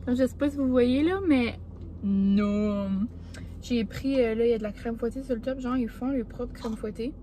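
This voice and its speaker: A young woman with a Québécois accent talks casually to her camera in a rambling way, full of filler words. Her voice sits fairly high, with a mellow, warm tone. A faint hiss of background noise sits under her speech. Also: steady tone, fairly quick, hardly any pauses. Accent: Québécois French. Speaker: vlogger. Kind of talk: casual vlog chat. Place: café, then home.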